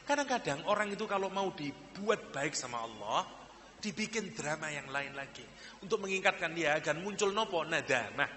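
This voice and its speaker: A man's voice: on the high side, very animated, moderate pace, bright, forceful tone, long reverb tail, slight background noise. A man with a Javanese accent preaching a sermon, telling stories and acting out the people in them. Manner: acts out the people in his stories, mixing in Javanese phrases. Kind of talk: sermon with storytelling.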